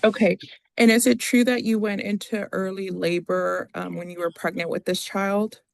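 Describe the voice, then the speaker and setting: An attorney questions a witness and reads out requests in a formal, halting, procedural courtroom manner. The medium-pitched voice shows vocal fry and barely moves in pitch, and the sound is echo-free.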